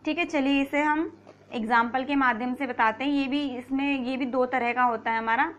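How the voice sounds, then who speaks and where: A woman's voice: high-pitched, steady tone, moderate pace, a bit bright. A woman teaching a grammar lesson, patiently explaining, asking and answering her own questions, and repeating key points.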